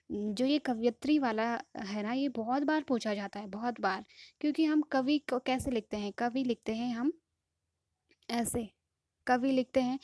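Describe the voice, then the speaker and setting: A woman teaching an exam-prep lesson in a patient way, often pausing to check that students follow. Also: fairly high pitch, a little mellow, dry recording, studio quality. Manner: patient, repeats "ठीक है" to check understanding. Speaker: Hindi teacher.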